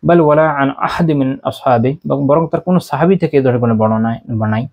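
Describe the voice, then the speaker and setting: A man's voice: mid-range voice, fast, lo-fi sound. A man teaching a religious lesson who recites Arabic passages and then explains them. He asks questions and answers them himself, with frequent "ah" fillers. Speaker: Islamic teacher. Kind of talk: religious lecture explaining texts.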